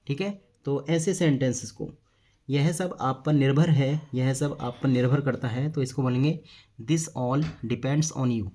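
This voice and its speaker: A man teaching spoken English, slowly repeating each example sentence twice. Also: mid-range voice, a little mellow. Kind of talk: spoken English lesson in Hindi.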